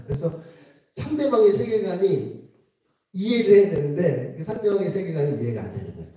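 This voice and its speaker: Male preacher, high lively voice, playful, acts out dialogue; mellow tone, distant mic, very echoey hall. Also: a little fast. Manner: animated, playful, acts out conversations and laughs often. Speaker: preacher at a winter church retreat. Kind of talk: lively sermon with acted-out dialogue. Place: retreat hall, indoors. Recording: roomy echo, mic heard from a distance.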